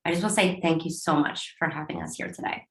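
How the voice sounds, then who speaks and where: A woman's voice: deep voice, fast. A woman who founded a dumpling company, speaking earnestly and gratefully in a panel interview. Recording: echoey room.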